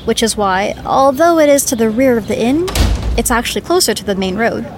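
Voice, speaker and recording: Brief: a woman playing a polite hostess, bright-pitched, descriptive. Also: animated, brisk, background noise, lightly acted. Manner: courteous, descriptive tour-guide tone. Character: polite attentive inn hostess. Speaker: inn hostess.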